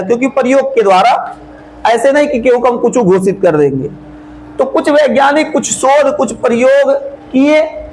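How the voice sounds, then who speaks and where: A man's voice: very high voice, a little hiss or hum, poor audio. A male biology teacher, lecturing a class and answering his own questions with folksy asides. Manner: asks and answers his own questions, drawls key words slowly.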